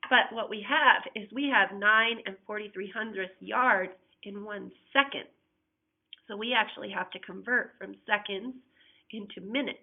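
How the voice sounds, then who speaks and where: A woman's voice: medium pitch, normal speed. A woman math teacher patiently walking students through unit conversions step by step, with a recurring cough. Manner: patient, talks through each step, asks students to check along. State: coughing repeatedly. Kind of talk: recorded flipped-classroom math lesson. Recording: tinny, phone-like audio.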